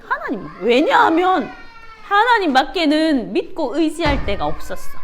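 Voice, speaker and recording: A woman's voice: high voice, moderate pace, slight background noise. A woman giving a children's Sunday school sermon, asking the kids questions and gasping for effect. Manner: animated, asks children questions, gasps for effect.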